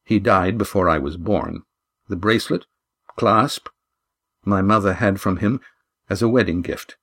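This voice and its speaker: A proud young man speaks firm and earnest, a little higher than the narrator's usual voice, as read by a man narrating an audiobook. His tone is plain and direct. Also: unhurried, fairly bright tone, heavily acted.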